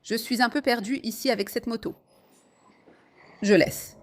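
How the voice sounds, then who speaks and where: A woman's voice: a little high, unhurried, slight background noise. A woman riding a motorcycle in city rain, chatting and exclaiming to her viewers as she rides. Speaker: motovlogger. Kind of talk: casual riding commentary.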